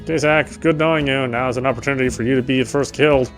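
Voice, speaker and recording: A man with a medium-pitched, steady voice does a let's play, reading game text aloud and tossing in casual, sardonic commentary. He talks very fast in an informal manner, with faint music behind him.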